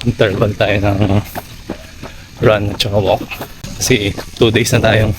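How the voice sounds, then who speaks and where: A man's voice: lowish voice, level tone, measured pace, background noise. A Filipino man chatting casually to his vlog viewers while running outdoors. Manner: talking while running and walking, exerting. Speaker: running vlogger.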